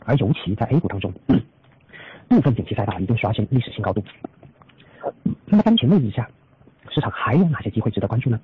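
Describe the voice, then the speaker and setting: Heard over tinny phone-line conference audio with a noisy background, the host of an investor call, a chief strategist, reads out prepared market analysis in a formal manner peppered with trailing "a" particles. His mid-range voice swings widely in pitch, and his fast delivery is broken by long pauses.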